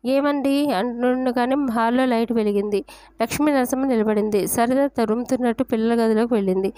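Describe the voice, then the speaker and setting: A woman narrating a family drama story in a steady, even reading voice. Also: a little high, a little fast, clean tone, no echo.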